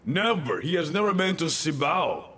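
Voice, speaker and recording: A man's voice: fairly high pitch, sing-song, normal speed, a bit bright, breathy edge. A male pastor preaching a sermon, emphatic and repeating his key lines, with joking asides to the congregation.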